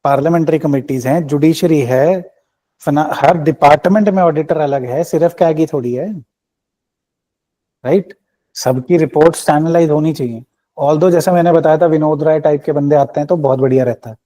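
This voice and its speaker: A man's voice: a little high, normal speed, warm tone. A man teaching a current-affairs class for exam students, mixing English phrases into his explanations and often checking in with rhetorical questions. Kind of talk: Hinglish current-affairs lecture.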